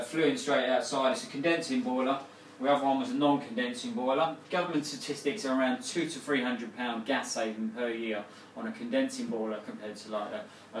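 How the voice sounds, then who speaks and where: An English man in his thirties who owns a plumbing business casually walks through a new boiler in a small home kitchen, full of fillers and restarts. His mid-range voice sits far from the mic with a little hiss or hum, and the kitchen sounds roomy.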